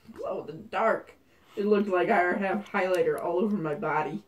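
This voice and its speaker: A woman's voice: lowish voice, poor audio. A young woman joking around with her friend on a vlog, laughing often. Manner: joking, laughs a lot, slow drawl. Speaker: friend and co-host.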